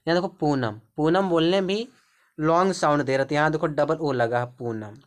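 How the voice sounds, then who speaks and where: A man's voice: a little high, brisk. A man teaching a spelling lesson, patiently spelling out words letter by letter. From India. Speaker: English teacher.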